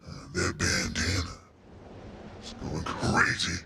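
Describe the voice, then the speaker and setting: Man, heavily gravelly voice, very low, casual game commentary, dry mocking asides. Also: flat delivery, takes it slowly, loud music behind the voice. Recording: clear background noise.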